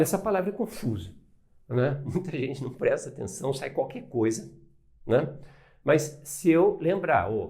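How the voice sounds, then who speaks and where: A man's voice: fairly high pitch, darkish tone. A man with a Brazilian Portuguese accent, teaching an English lesson and explaining pronunciation step by step, often asking "né?" and pointing at words. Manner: pointing at words on a board or screen.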